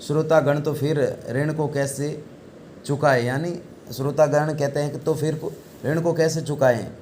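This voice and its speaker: A man's voice: on the high side, steady tone, unhurried, darkish tone, slight background noise. Male teacher quizzing his online class. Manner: asks the class a question, then answers it himself; reads Sanskrit text aloud, then explains it in Hindi.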